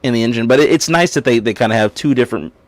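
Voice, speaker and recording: A man's voice: medium pitch, very fast, dry recording. A man hosting a casual livestream, talking in a rambling way and reading viewers' chat aloud. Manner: rambling and casual, with many restarts and fillers. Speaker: livestream host.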